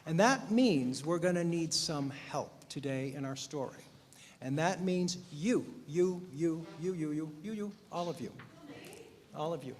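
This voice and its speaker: A man's voice: on the high side, animated, measured pace. A man leading worship and narrating a Christmas story to a congregation, in an upbeat, coaxing, playful manner. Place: church sanctuary. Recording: reverberant church hall with faint noise.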